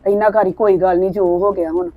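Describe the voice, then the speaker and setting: A woman playing a calm, soothing neighbour. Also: mid-range voice, quick pace, soft background music, natural voice. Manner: soothing, placating. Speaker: actor in a short film. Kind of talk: village family drama. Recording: dull lo-fi sound.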